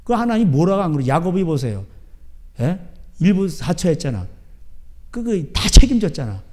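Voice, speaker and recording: A man's voice: a little high, very animated, normal speed, a little mellow. A man preaching a sermon as pastor, in a rambling, chatty way, often asking his listeners "right?". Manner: keeps asking the crowd back "예?".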